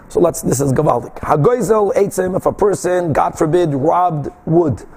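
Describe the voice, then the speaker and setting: A man's voice: high voice, darkish tone. A man giving an explanatory religious lecture, translating line by line and emphatically answering his own rhetorical questions. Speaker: religious teacher giving a Talmud class.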